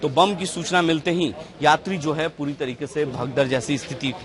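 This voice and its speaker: A man with a somewhat high voice reports from the field for the news, pressing passengers with questions. His piece to camera is brisk. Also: steady tone, fairly bright tone.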